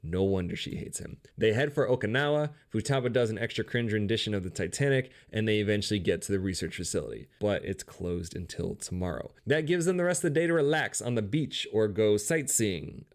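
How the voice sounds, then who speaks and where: Sarcastic, wisecracking male narrator. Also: lowish voice. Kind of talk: casual comedic game story recap.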